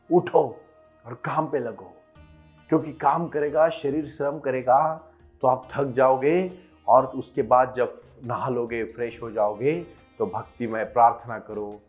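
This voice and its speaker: A man giving a devotional sermon, telling stories and urging listeners on, moving between loud calls and hushed lines. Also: medium pitch. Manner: storytelling, exhorting, swings between loud and hushed. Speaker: spiritual speaker.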